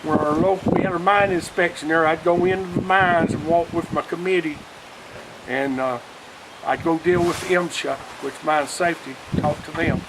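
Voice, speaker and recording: An older man with an Alabama Southern accent reminisces casually, rambling through folksy stories from his past and often quoting old conversations. He's a retired union organizer and storyteller, and his fairly high voice moves at a moderate pace with fairly even intonation. The recording is very noisy.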